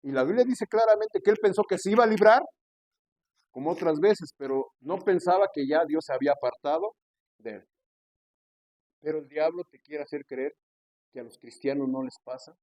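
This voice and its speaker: A male pastor delivers an earnest sermon, calling his listeners brother as he preaches. His voice sits a little on the high side. The sound is close and dry, with no room around it. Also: darkish tone, no room sound.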